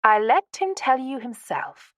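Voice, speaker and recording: A woman's voice: sits high, expressive, a little slow, a bit bright, no room sound, studio quality, pitched above the performer's own voice. A woman voicing a confident, glamorous woman who speaks in a charming, breezy way.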